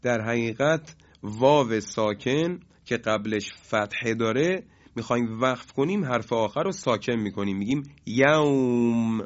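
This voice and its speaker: Male recitation teacher, mid-pitched, measured explanations with sung examples, muffled recording. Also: expressive. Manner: explains slowly, chants examples drawn out. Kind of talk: lesson on tajwid rules. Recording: dull lo-fi recording.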